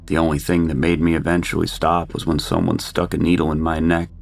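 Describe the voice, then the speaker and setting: A man narrating a first-person horror story in a steady, grim manner. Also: rumbling low, brisk, gravelly, a little hiss or hum.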